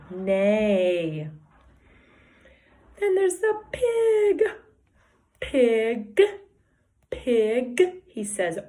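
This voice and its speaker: A woman's voice: fairly high pitch, a little mellow. A woman teaching toddlers animal names and sounds in a sing-song way, imitating each animal. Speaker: early childhood teacher.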